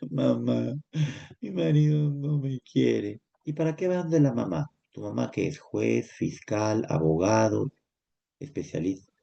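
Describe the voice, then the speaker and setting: A male psychology teacher with a Peruvian Spanish accent, lecturing lively and acting out little dialogues in character voices. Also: on the low side, gravelly, highs cut off. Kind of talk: lecture with acted examples.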